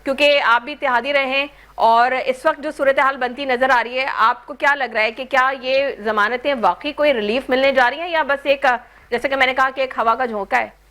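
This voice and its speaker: High-voiced woman anchor, pointed questions. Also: fairly even intonation, a little fast, pushed and bright. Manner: pointed questioning, frequent hums of assent. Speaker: news anchor. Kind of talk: political talk show.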